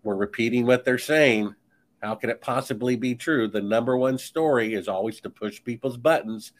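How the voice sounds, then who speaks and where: A man's voice: mid-range voice, normal speed. A man speaking as a guest author in a podcast conversation, talking in an emphatic, insistent, preachy way.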